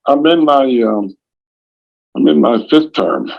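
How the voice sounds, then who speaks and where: A middle-aged man, a state legislator, talking as a guest on a lo-fi phone call with a poor connection, halting and repeating words. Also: medium pitch, animated, gravelly. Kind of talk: casual interview over a phone call. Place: walking through a busy legislative building. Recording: muffled lo-fi phone line.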